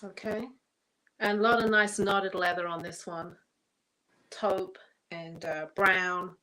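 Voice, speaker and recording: Bright-voiced breathless woman chatting. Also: on the low side, fairly even intonation, slow pace, low-quality recording. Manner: chatty, laughs between phrases. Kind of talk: casual livestream chat.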